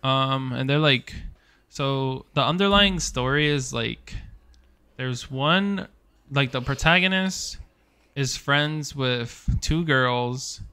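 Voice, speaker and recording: A man's voice: medium pitch, slow pace, bright, forceful tone, clear, resonant tone. A young man co-hosting a casual podcast over beers at a bar, rambling and swearing freely as he retells movies. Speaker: podcast co-host.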